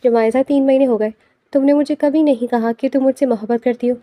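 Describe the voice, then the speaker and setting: A woman's voice: sits high, steady tone, dark tone, dry recording, natural voice. A woman voicing a tender young husband, once stern, in an audiobook novel. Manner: tender and affectionate.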